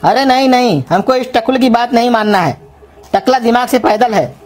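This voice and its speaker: A woman's voice: on the high side, normal speed, close to an everyday voice. A woman voicing a hungry, quarrelsome young man who insults others in a comedy cartoon. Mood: insulting. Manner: sulky, insulting. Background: music.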